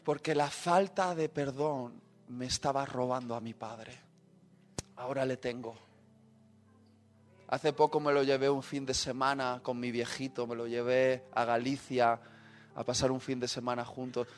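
A man giving a sermon testimony, moving quiet storytelling to loud, impassioned outbursts. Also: mid-range voice, steady tone, unhurried. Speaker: preacher. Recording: faint music behind.

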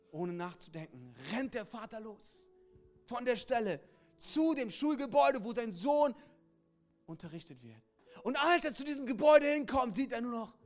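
A man preaching a sermon as a pastor, telling a story dramatically and dropping suddenly quiet before swelling loud again. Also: sits high.

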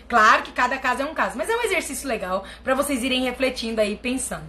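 A Brazilian woman with a high voice talks casually to viewers on a live stream. Her delivery is animated, with her voice leaping up and dropping low as she tells stories. She speaks as a family constellation therapist. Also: fast, slight background noise. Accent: Brazilian Portuguese. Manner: animated storytelling with big pitch swings.

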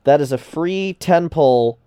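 A man's voice: a little high, slow, dark tone, clean tone, no echo, studio quality. A man co-hosting a casual gaming podcast, frank, thinking aloud as he works through numbers. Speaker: podcast co-host.

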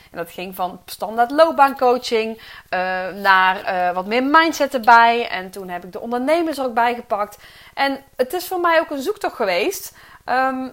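A woman's voice: on the high side, a bit bright. A middle-aged woman with a Dutch accent, a coach talking through a personal podcast monologue in an earnest, reflective way, with many fillers and restarts. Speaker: podcast host and career coach.

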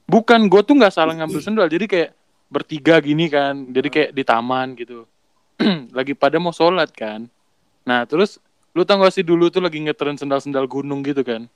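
A man's voice: a little high, moderate pace, clear, resonant tone, no room sound. Slangy young man, dry close sound. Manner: laughing, slangy, animated storyteller. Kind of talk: casual storytelling chat.

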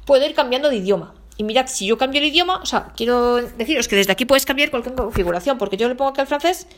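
A woman's voice: high voice, fast. A woman giving a casual spoken tutorial, talking straight to viewers and repeating aloud what her phone reads out. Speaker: instructor showing phone accessibility settings.

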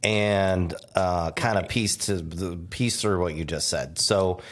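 Deep-voiced, slangy man podcaster. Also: slow. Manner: informal, slangy, profane. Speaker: podcast co-host. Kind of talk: casual chat. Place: empty room of a new store studio. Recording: recorded in an empty room.

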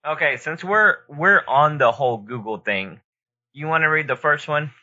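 Very bright-voiced man, rambling casually. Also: on the high side, animated, moderate pace. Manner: rambling, informal, thinking aloud. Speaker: podcast co-host. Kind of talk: casual opinionated chat. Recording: dull lo-fi audio.

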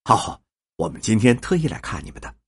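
A man voicing a polite, measured male newspaperman in a storybook reading, with a husky voice. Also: fairly low pitch, sing-song, pitched below the performer's own voice. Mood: courteous.

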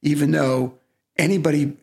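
A man's voice: a little high, vocal fry. Probing man with a Brooklyn accent. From Brooklyn, New York. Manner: probing, deliberate, repeats words back for emphasis. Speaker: podcast host and coach. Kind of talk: reflective coaching conversation.

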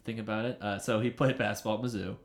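A man's voice: lowish voice, fast. Rambling young man in a roomy echo. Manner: rambling, animated, shouts out quoted lines. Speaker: podcast co-host. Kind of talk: casual storytelling chat.

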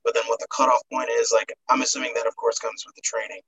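A man asking rambling, hesitant questions in a casual remote conversation while his audio glitches into a robotic sound with sudden pitch jumps. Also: level tone, quick pace, pushed and bright, husky, soft background music, poor audio.

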